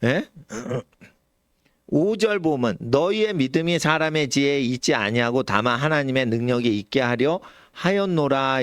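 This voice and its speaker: A middle-aged male pastor preaches with a very lively, swooping pitch. He jumps between shouted bursts and quiet, low asides. The sound is dry and close, with little room echo. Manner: animated, suddenly shouts or drops low, acts out quoted elders. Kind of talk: sermon. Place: church sanctuary.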